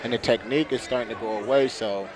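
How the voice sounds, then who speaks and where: A man's voice: mid-range voice, quick pace. A man, a fighter himself, giving casual guest commentary at a live fight. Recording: crowd and music behind.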